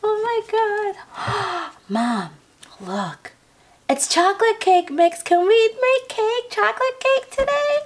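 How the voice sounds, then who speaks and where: A woman voicing an excitable little girl doll on her first shopping trip with her mom. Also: extremely high pitch, slow pace, exaggerated voice. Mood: gushing. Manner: gushing, breathless with excitement. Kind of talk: toy doll play video.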